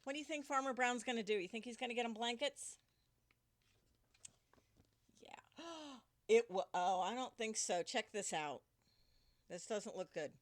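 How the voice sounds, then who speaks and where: A woman teacher reading a picture book aloud to children indoors, animated and stopping often to ask the children questions. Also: a little high, a little slow, long pauses.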